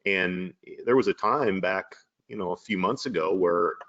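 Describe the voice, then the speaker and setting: A man's voice: low-pitched, moderate pace, fairly bright tone, highs cut off. A man hosting a casual chat, talking in an affirming, rambling way with many fillers.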